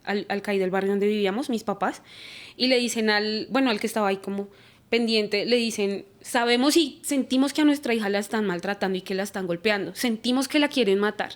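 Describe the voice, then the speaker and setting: A woman's voice: medium pitch, a little fast. A young woman from Colombia, giving a church podcast testimony and acting out the dialogue she recalls. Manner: animated, acts out quoted dialogue. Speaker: guest.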